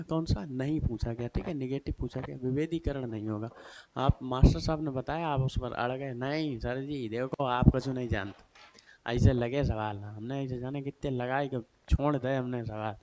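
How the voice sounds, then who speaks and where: A man's voice: medium pitch, normal speed, heavy background noise. A male teacher giving a chatty exam-prep lesson, asking and answering his own questions and checking in with his students over and over. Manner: chatty, repeats "theek hai" and "bhai sahab" often.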